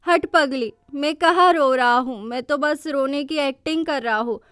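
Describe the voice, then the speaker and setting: A woman's voice: high-pitched, normal speed, a bit bright, dry recording, studio quality. Woman voicing a playful, loyal young man in a drama recap, teasing tone.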